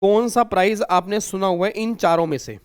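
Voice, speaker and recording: A man's voice: high voice, moderate pace, clean tone, no room sound. A male teacher giving a recorded exam-prep lecture, chatty and repetitive, often checking in with his students. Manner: chatty, repeats himself, keeps checking with students.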